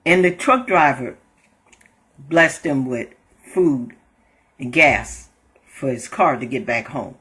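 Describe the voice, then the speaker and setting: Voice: mid-range voice, slow, long pauses, fairly bright tone, husky. A host telling a story in a casual monologue, laughing often and repeating phrases as they go. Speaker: host sharing inspirational thoughts.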